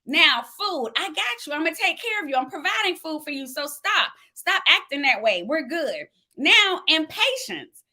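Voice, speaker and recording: Very animated and barely pausing, a woman preaches on a live stream at a moderate pace, her high-pitched voice sharp in tone. As a minister sharing a word, she teaches fervently and answers viewer comments out loud.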